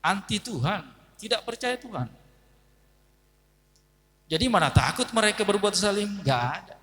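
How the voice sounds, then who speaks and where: A man's voice: sits high, expressive, moderate pace, fairly bright tone, in a large hall. A man giving a sermon to a live audience, telling a story and acting out its dialogue while addressing listeners directly. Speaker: preacher.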